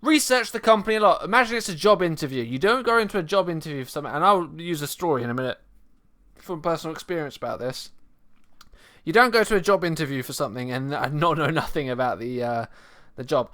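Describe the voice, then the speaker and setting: A young man hosting a live stream, chatting casually, laughing often, with sudden loud bursts. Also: fairly high pitch, animated, fast talker. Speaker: stream host.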